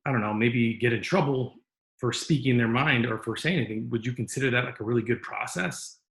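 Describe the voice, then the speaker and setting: A man's voice: mid-range voice, fairly quick, gravelly, a bit bright, roomy sound, low-quality recording. A man hosting a podcast interview, talking in an earnest, rambling, encouraging way. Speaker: podcast host. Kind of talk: casual interview talk.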